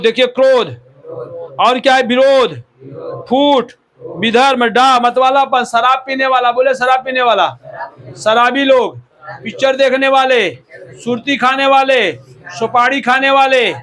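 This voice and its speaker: A man from India preaches a sermon as a pastor, urging on his listeners and repeating key words for emphasis. His voice is extremely high-pitched with a fairly bright tone.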